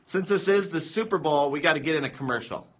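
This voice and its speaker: A man hosting a book talk show with excited, laughing hype. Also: fairly high pitch, fast talker, husky. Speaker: host.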